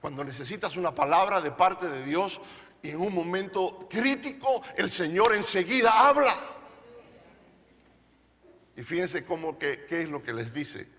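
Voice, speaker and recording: High, bright-voiced pastor preaching slowly. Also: male voice, expressive, in a large hall. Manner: emphatic, asks the congregation rhetorical questions; playful, jokes with the audience. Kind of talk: sermon. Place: church service.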